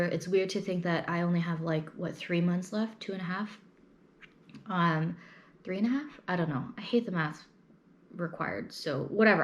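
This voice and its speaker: Lower-pitched young woman chatting, halting and reflective. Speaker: vlogger. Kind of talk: casual personal chat to camera.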